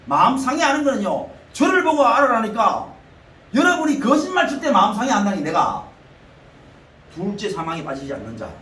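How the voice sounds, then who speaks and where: A man's voice: high-pitched, big pitch swings, brisk, a bit bright, reverberant, far from the mic, rough recording. A male pastor with a Gyeongsang accent preaching a sermon in a blunt, colloquial way, full of rhetorical questions. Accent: Gyeongsang (Daegu) Korean. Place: church sanctuary.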